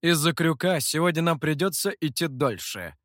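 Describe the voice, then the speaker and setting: A stern dark master, short-tempered and curt, worn out by his companions as a male narrator voices him. The delivery keeps a lively swing in pitch and a dry, close sound. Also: normal speed, no echo. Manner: curt and exasperated.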